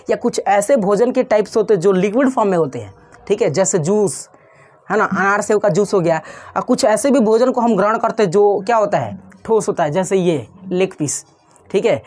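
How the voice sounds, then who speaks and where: A woman's voice: medium pitch, lively intonation, normal speed, a little mellow. Woman, science teacher, conversational lecture, rhetorical questions, frequent check-ins. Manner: conversational, poses and answers its own questions, checks in with "ठीक है" often. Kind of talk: explanatory online class lecture.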